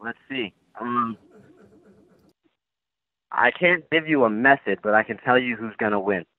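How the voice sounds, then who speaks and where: Over a tinny, dry phone line, a young man of eighteen with a mid-range voice talks in an unhurried way. He's a guest fighter in a phone interview, speaking brashly and promising big results, with no echo.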